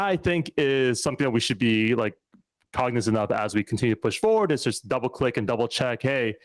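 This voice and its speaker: A man from the United States talks in a candid, thoughtful way, often pausing on fillers and restarting his sentences. His voice sits at a middle pitch and is heard close and dry, with no room around it. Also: dry recording. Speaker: podcast guest, startup founder. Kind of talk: casual conversational interview.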